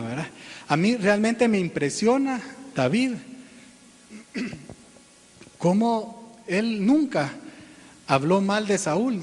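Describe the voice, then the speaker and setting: A pastor preaching in a conversational way, often clearing his throat and checking in with "¿verdad?" and "¿va?". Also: high-pitched, a little mellow. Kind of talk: sermon. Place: church sanctuary. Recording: long church-hall reverb.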